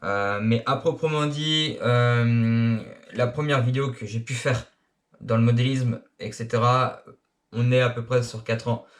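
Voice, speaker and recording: A man's voice: mid-range voice, steady tone, unhurried. A young man from France in his late teens, introducing his RC hobby channel in a casual, hesitant way with many filler sounds, recorded on an action camera. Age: young adult. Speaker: RC hobby YouTuber.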